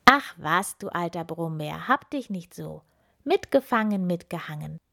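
A woman voicing a bossy, cheerful witch with a brisk, teasing manner. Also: lowish voice, lively intonation, vocal fry, fairly bright tone, dry recording, studio quality, heavily acted.

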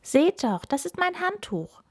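A cheerful, excitable storybook hero, played by a woman reader, who exclaims brightly and chatters along. His voice sits well above the reader's own and leaps up and down with delight. He speaks at an unhurried, deliberate pace. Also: sits high, voice pushed up, full character voice.

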